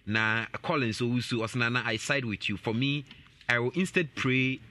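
A man's voice: medium pitch, steady tone, moderate pace, bright, forceful tone. A man co-hosting a talk show, reading out comments and repeating words for emphasis. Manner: laughing, emphatic repetition. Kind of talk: casual chat, reading out comments.

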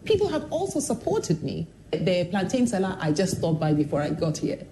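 Heavy background noise surrounds this woman's lowish voice as she talks at a moderate pace. She's a TV personality in a candid, motivational interview, telling stories with animated expression and performing the voices of the people in them.

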